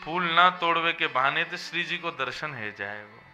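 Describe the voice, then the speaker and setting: A man's voice: on the high side, expressive, moderate pace, sharp tone, soft background music. A man giving a devotional sermon as a religious storyteller, preaching in an emphatic, melodic way. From Vrindavan region.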